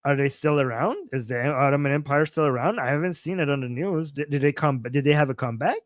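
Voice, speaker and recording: A livestream host in his forties reads viewer comments aloud, reacting with playful, chuckling asides and repeating himself often. His voice is on the high side with lively intonation and fast delivery, recorded cleanly in a studio with no echo.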